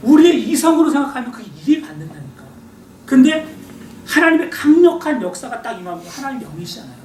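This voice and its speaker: Animated male pastor in an echoey hall. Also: extremely high pitch. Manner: animated, acts out inner voices, swings between loud and quiet. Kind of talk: lively sermon lecture. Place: church hall. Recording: echoey hall, voice from far off, faint hiss.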